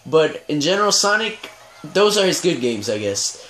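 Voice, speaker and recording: A man's voice: on the high side, very animated, normal speed, a bit bright. A young man hosting a casual gaming discussion, opinionated and rambling, often hedging with "I mean". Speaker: podcast host. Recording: echoey room with faint noise.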